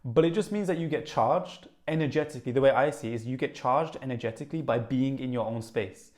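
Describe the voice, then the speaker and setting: Excitable young man with a Brummie accent. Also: medium pitch. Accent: Birmingham (Brummie). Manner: fast, excited, animated, with many "like" fillers. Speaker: wellness YouTuber. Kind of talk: casual vlog talk to camera.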